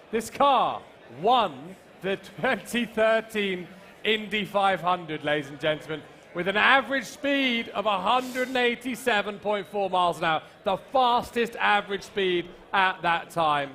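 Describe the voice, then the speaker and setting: A man's voice: sits high, bright, forceful tone. A man announcing and describing lots at a live auction. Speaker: auction lot presenter. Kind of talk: live auction lot presentation. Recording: live event with faint background noise.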